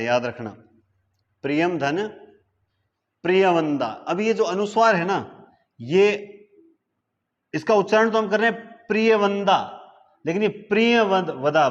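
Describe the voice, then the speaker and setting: A man's voice: a little high, dull audio. A man teaching a live online grammar class. He stretches words out syllable by syllable and keeps asking the class whether they follow. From India. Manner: stretches out words syllable by syllable while explaining at a board; asks the class rhetorical questions to check understanding.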